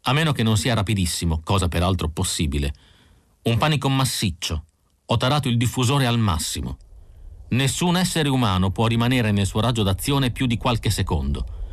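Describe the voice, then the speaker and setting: A man's voice: on the low side, big pitch swings, normal speed, no room sound, clean studio sound. A man voicing a cold, calculating male android leader who speaks in a clipped, matter-of-fact way.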